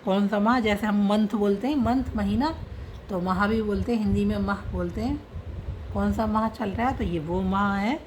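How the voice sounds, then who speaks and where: A woman's voice: medium pitch, normal speed, darkish tone, slight background noise. A woman teaching an online reading and writing lesson, patiently spelling out letters and their sounds one by one.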